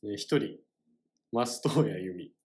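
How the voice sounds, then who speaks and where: A man's voice: on the low side, lively intonation, a little slow, darkish tone. A young man co-hosting a casual podcast chat, joking politely and running little quizzes. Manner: polite, joking, quiz-giving. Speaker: podcast co-host.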